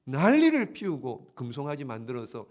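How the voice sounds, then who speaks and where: A male pastor preaching a sermon, animated and often putting questions to the congregation before answering them himself. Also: mid-range voice, normal speed.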